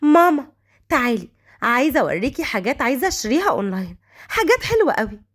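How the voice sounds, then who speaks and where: A woman voicing a lively, cheeky young woman with an Egyptian accent. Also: high voice, very fast, heavily acted. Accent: Egyptian Arabic.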